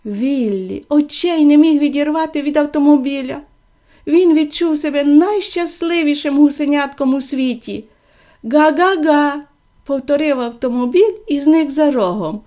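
A woman gently and expressively reading a children's fairy tale aloud. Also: sits high, moderate pace. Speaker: storyteller.

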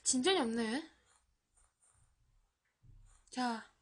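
High-voiced woman murmuring through a game. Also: expressive, extremely slow. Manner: murmurs quietly to herself while playing. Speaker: game streamer. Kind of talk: live game commentary, reading story text aloud.

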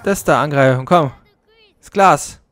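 A let's play host giving live gameplay commentary. They soothe and coax the companion creature in a soft voice, then mutter to themself, puzzled and a little frustrated. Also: mid-range voice, unhurried.

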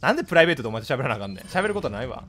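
A man with a Kansai accent chatting casually with his live-stream viewers, blunt and scolding in rapid-fire retorts. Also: mid-range voice, sing-song, a bit bright, soft background music. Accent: Kansai Japanese.

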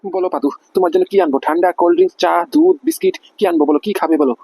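A man voicing a high gravelly pushy boss. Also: sing-song, very fast, mellow, no echo, full character voice. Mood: bossy. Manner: keeps asking if he is understood. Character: pushy middle-aged male company boss. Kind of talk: cartoon voice acting.

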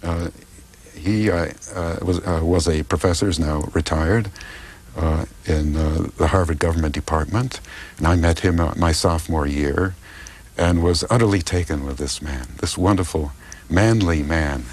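Older man with a very deep voice. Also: moderate pace. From United States. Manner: thoughtful, hesitant, many fillers and restarts. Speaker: political philosopher and translator. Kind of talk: interview answers.

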